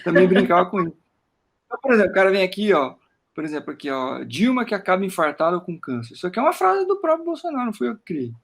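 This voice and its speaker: Rapid-fire and very animated, this high-pitched Brazilian man has vocal fry in his voice. A poet, he discusses his book in a casual interview while displaying his work on screen, rambling in Brazilian Portuguese with stammered repeats and constant "né?" tags.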